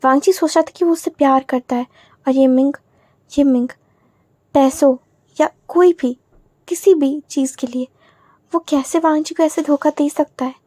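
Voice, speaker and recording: Woman storyteller, high voice, mellow tone, halting delivery. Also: steady tone, dry recording, clean studio sound. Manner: halting, with restarts. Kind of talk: reading her own fan story.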